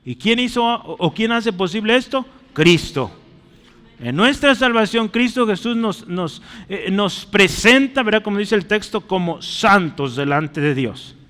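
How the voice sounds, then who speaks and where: A man preaching a teaching sermon, explaining words as he writes and asking the congregation along, rising loud on key phrases and dropping soft. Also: sits high, measured pace. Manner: lively, rises loudly on key phrases, then drops soft. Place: church hall. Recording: long reverb of a hall.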